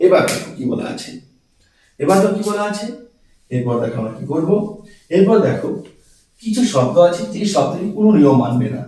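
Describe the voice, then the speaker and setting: Man, teacher, grammar lesson, repeats and quizzes, mellow tone, very echoey room. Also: on the high side, expressive, fairly quick, pauses often, recorded from a distance. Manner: repeats key words and quizzes students.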